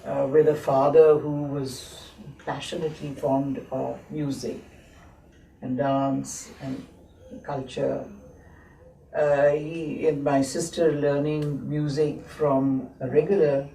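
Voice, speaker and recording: A woman in her seventies speaks very slowly, with frequent pauses and fillers, her voice low-toned and gravelly. She is recorded from a distance in a roomy space with faint hiss behind her. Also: little pitch movement, dark tone. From born in Lahore, grew up in Abbottabad. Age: 70s. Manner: many hesitant pauses and fillers. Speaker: interviewee, textile historian. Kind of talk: slow reflective reminiscing.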